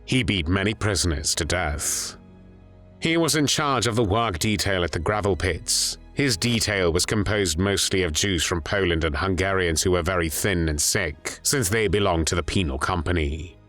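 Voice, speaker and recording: Man, low voice, grave measured documentary narration, faint music underneath. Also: a bit bright.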